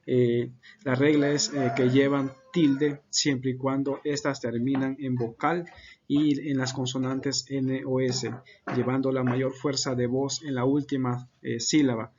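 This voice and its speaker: A man explains a class topic in an unscripted presentation, stopping often on fillers and correcting himself. His mid-pitched voice stays flat and even. The recording is dull and lo-fi, with a faint steady hum behind him. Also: a little slow. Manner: hesitant, many fillers and self-corrections. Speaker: student presenter.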